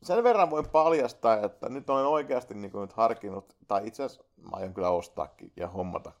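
A man's voice: on the low side, animated, muffled recording. A man hosting his own podcast alone, rambling casually, swearing freely and talking straight to his listeners through a USB microphone. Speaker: podcast host. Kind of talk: casual solo podcast monologue. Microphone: USB microphone into a laptop.

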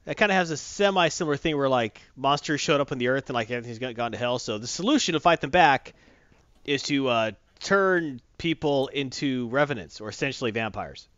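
A man co-hosting a game stream show, chatting casually and reading out shout-outs with jokey energy. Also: medium pitch, lively intonation, brisk, clean tone, no echo. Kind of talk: casual livestream chat and giveaway. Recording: dull lo-fi dry stream audio.

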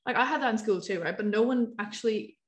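A young woman chatting casually in a halting way, often restarting mid-thought. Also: a little high. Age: young adult. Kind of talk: casual chat. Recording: echoey room sound.

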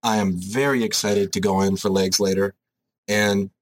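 A man's voice: on the low side, fairly even intonation, moderate pace, no echo. A young man co-hosting a casual podcast, joking around and ranting with mock intensity about training. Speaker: podcast co-host. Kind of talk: casual chat.

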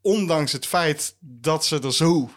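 A man's voice: fairly high pitch, slow, fairly bright tone. A man co-hosting a casual film podcast, with playful banter. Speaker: podcast co-host.

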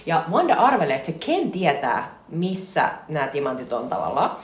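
Woman podcast co-host with a Finnish accent, lively swooping delivery, echoey room. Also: deep voice. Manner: animated, laughing, acts out film lines loudly. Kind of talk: casual chat about a film. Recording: echoey room with faint ambient noise.

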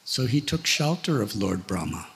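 A man's voice: fairly low pitch, sing-song, vocal fry, breathy edge. A man, a spiritual teacher, telling a sacred story in a sermon, emphatic and dramatic. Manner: slow, emphatic and dramatic, with laughter. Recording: long hall reverb.

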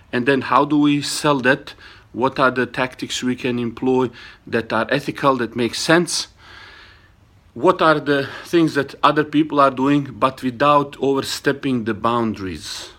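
A man from Bosnia with a Bosnian accent hosts an informal video introduction, speaking earnestly and haltingly with frequent hesitations. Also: mid-range voice, a bit bright. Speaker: host and entrepreneur. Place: small studio set up in a garage.

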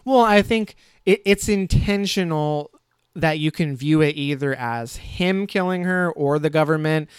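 A man co-hosts a film podcast, critical and blunt, swearing casually as he argues his view. His voice is smooth and a little high, recorded close and dry. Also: unhurried, no room sound. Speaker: podcast co-host. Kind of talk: casual film review chat.

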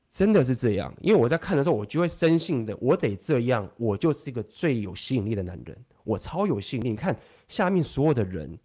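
A man talking fast and animatedly in a casual podcast chat, swearing now and then. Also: mid-range voice, a little mellow.

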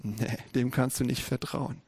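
A preacher voicing Satan as a sly male tempter, speaking in a hushed, insinuating, low murmur. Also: level tone, a little slow, breathy edge. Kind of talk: preaching with acted quotes.

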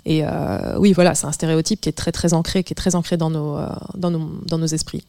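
A woman's voice: low voice, little pitch movement, brisk, mellow, no echo. A woman author answering interview questions, thoughtful, searching for words. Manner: thoughtful, many fillers and restarts. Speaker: author and guest.

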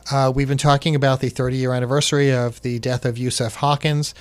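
A man's voice: medium pitch, flat delivery, fairly quick, clear, resonant tone. A man from Queens, New York, hosting a radio call-in show in a conversational presenter's style.

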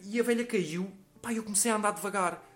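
Young guy from around lisbon rattling off a funny story, lots of swearing, slightly high voice. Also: fast talker, fairly bright tone, soft background music. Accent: European Portuguese, Lisbon area. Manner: slangy, swears a lot, acts out quotes. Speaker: comedian telling a story. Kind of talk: comic anecdote monologue.

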